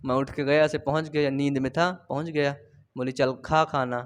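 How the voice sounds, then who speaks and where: A man's voice: on the high side, steady tone, brisk. A young man teaching biology in a loose, chatty way, drifting into personal stories and checking in with tag questions. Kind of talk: informal Hindi class lecture. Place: home studio.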